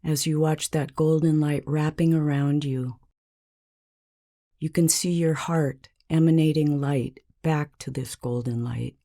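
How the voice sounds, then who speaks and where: A scripted meditation is narrated by a woman whose voice sits low. Her manner is gentle and soothing, paced in a measured way with extended pauses.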